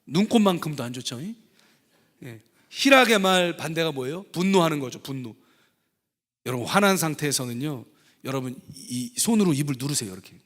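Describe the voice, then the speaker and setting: A male pastor preaching a lively sermon, asking his congregation questions as he goes. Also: fairly high pitch. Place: church sanctuary. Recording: long church hall reverb.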